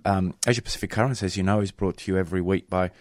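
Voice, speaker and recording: Deep, husky man radio co-host. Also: steady tone, racing, no echo. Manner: hesitant, many fillers, good-humoured. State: husky from a winter cold. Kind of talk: community radio chat. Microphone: studio microphone.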